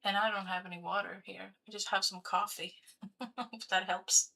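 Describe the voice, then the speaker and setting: A young woman casually chats with her viewers while live-streaming a city-building game, her voice cracking repeatedly as she builds. It is medium-pitched with little pitch movement, bright and forceful with vocal fry, at a normal speed.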